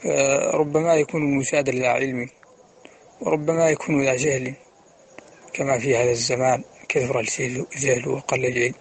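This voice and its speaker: Gravelly-voiced man giving a religious lecture. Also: slight background noise. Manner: steady explanatory lecturing, chants quoted verses slowly and higher. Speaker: preacher.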